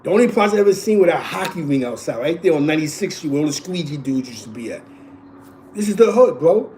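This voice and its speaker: Very animated and quick, his voice a little high yet dark, the East Harlem show host in his forties recounts local stories. Slight background noise sits under his New York-accented, rambling, repetitive talk, stitched together with "you know what I'm saying" as he tells casual streetwise tales.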